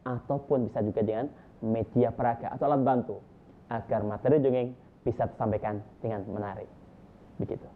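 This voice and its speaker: A man gives a storytelling lesson, stressing each point with lively, climbing emphasis. His voice sits at a middle pitch. The recording is thin and tinny, like a phone line. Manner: lively, emphatic, lists points with rising energy. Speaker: storytelling teacher. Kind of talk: instructional talk to storytellers.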